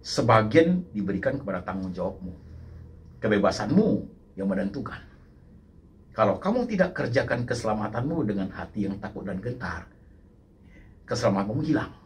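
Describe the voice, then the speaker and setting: A man voicing God speaking softly and slowly to believers, promising to stay with them. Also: lowish voice, sing-song. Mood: stern.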